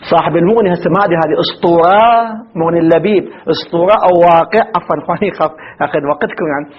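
A man with an Iraqi accent teaching a seminary grammar lesson. He repeats terms slowly and asks the class questions. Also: on the high side, fairly even intonation, husky, highs cut off. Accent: Iraqi Arabic.

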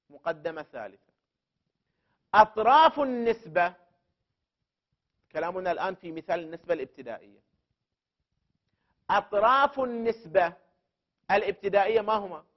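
A man with a high voice gives a methodical classroom lecture. He poses questions to his listener, then answers them by restating each term several times. The recording sounds dull and lo-fi. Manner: explains step by step, repeating terms for emphasis; addresses the student directly and poses questions. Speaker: teacher of jurisprudence principles.

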